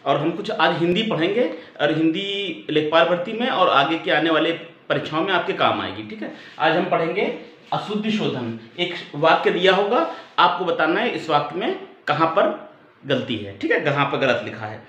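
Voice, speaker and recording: A man teaching an online exam-prep lesson, spelling out words slowly and checking in with his students often. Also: a little high, very animated, a bit bright. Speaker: Hindi teacher. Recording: muffled echoey room, faint background hum.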